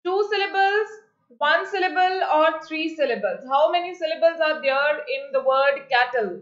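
A woman teacher running an exam-prep class, reading questions slowly in English and explaining quickly in Hindi, often repeating herself. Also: high-pitched, a bit bright. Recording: echoey, dull lo-fi audio.

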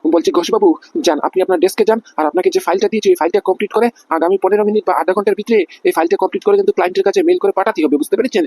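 Guy doing a pushy cartoon boss, high raspy voice, fires off words super fast. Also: darkish tone, no echo. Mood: instructing. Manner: keeps asking if he is understood. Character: pushy middle-aged male company boss. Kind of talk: cartoon voice acting.

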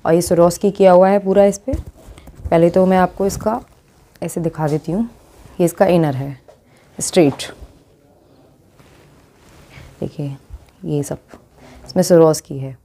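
Woman, low mellow voice, boutique product showcase presenter. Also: fairly even intonation, takes it slowly, long pauses. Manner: describes garments while showing them.

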